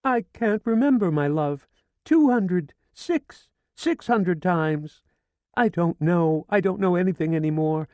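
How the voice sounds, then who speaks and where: Close to an everyday speaking voice, this audiobook narrator takes on a grieving older woman who begs frantically, shrill and almost screaming. The pace is unhurried, the tone darkish and animated, with no echo.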